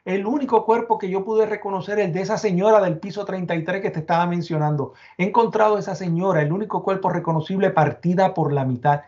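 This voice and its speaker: A man's voice: sits high, darkish tone, dull audio. A man from Puerto Rico with a Puerto Rican accent, giving an emotional first-person account as an interview guest, often stumbling over and repeating his words. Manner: halting, repeats and restarts words under emotion.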